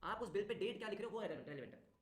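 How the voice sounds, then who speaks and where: A male tutor teaching an online class, talking briskly, repeating phrases and urging students to answer quickly. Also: high voice, expressive, a little hiss or hum. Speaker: commerce exam tutor. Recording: roomy echo.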